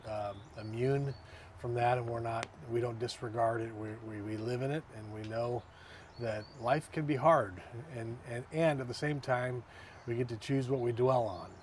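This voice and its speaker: A man's voice: medium pitch, steady tone, moderate pace. Male talk show host, casual and chatty, with a faint hum of ambience behind him. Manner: chatty, repeats words while searching. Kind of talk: casual interview.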